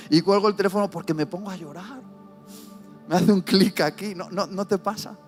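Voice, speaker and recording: A man preaching an emotional sermon, telling a personal story with heartfelt pauses and repeated lines. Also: sits high, faint music behind. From Spain.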